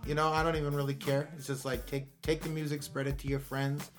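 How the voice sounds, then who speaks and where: A man's voice: medium pitch, level tone, quick pace. A man jumps into a podcast chat with playful, upbeat remarks. He sounds casual and loose. Faint music sits underneath. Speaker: guest rapper. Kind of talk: casual interview banter.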